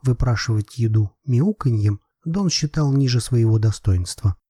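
A man narrating an audiobook in a measured, even storytelling manner. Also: mid-range voice, slightly rough, no room sound. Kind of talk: scripted narration.

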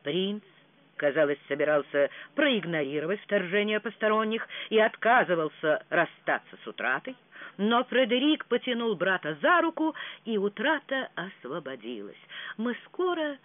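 An audiobook narrator reading a romance novel with dramatic, expressive delivery. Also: medium pitch, normal speed, no room sound. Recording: tinny phone-like sound.

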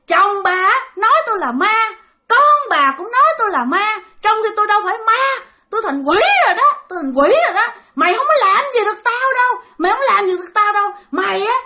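A woman voicing a lonely, vengeful female village ghost turned demon, shrill and cackling as she demands a child. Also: sharp tone, heavily acted.

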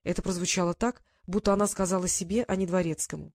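Calm woman narrating an audiobook. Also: on the low side, fast, dry recording. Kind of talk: scripted narration of a romance novel.

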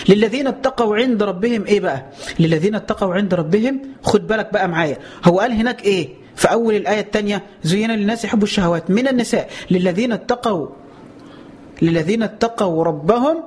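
Man, Egyptian accent, high voice, rapid talk, animated preacher, slow scripture recitation. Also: breathy edge. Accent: Egyptian Arabic. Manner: animated, rhetorical questions, drawn-out exclamations. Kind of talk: colloquial religious lesson with slow scripture recitation.

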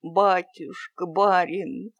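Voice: mid-range voice, steady tone, a bit bright, slightly rough, highs cut off, full character voice. A reader doing a begging peasant man. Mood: pleading. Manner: slow, pleading, drawn-out. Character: poor pleading male peasant, timid and desperate. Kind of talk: audiobook character reading.

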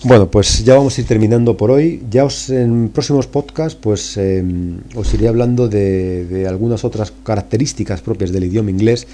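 Low-voiced man with a Spain Spanish accent. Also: moderate pace, hardly any pauses, dark tone. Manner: informal, coaxing, repeats words for emphasis. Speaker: podcast host. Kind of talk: casual solo podcast talk.

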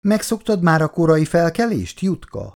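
A man reading aloud voices a gentle, hardworking older mother in a storybook, raising his voice a little and speaking mildly. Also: fairly high pitch, sing-song, vocal fry, voice pushed up.

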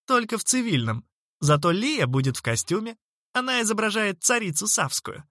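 A man's voice: sits high, big pitch swings, normal speed, pushed and bright, no echo, clean studio sound, pitched above the performer's own voice, exaggerated voice. A man voicing a confident, perky young boy. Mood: cocky.

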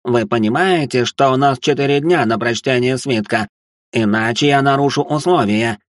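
A man voicing a loud, strict talking cat that yowls and lectures in a formal way. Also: normal speed, no room sound, studio quality, close to an everyday voice. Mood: scolding. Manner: shrill yowling, lecturing.

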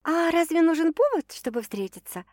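A woman voicing a cheerful young woman who hosts a night out with friends, brisk and a bit evasive, in a lively, dry recording. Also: extremely high pitch, no room sound, pitched above the performer's own voice. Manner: brisk, upbeat, a little evasive.

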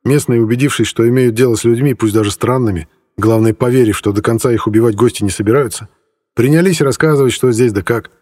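Man narrating an audiobook, even delivery, long reverb. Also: medium pitch, fast.

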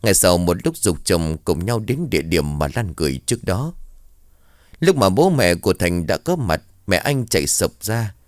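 At a normal speed, a man with a very deep voice narrates a somber tale, keeping his delivery steady and even. The sound is dry and close-miked, without any echo.

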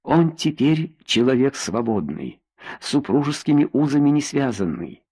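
A man's voice: medium pitch, sing-song, measured pace, mellow, slightly rough. A man narrating an audiobook in the first person, reading expressively.

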